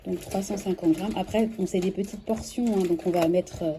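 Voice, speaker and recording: A woman in her thirties with a French accent, chatting casually through a grocery unboxing vlog, correcting herself often and filling pauses with "euh". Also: on the low side, steady tone. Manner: chatty, self-correcting, many fillers. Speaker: vlogger. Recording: clear background noise.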